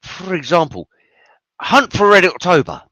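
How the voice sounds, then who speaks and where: Male host, casual film talk, swears freely, animated delivery, unhurried pace, dry close sound. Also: sits high, no echo, low-quality recording. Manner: enthusiastic, swears freely, rambling asides. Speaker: podcast host.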